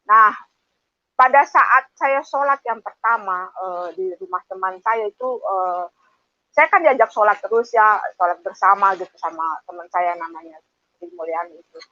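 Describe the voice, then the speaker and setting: Woman in her fifties, from Padang, personal testimony, animated storytelling, bright sharp voice, dull dry recording. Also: medium pitch, moderate pace, dry recording. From Padang, Indonesia. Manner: animated, acts out quoted voices, many hesitant fillers. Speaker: testimony speaker.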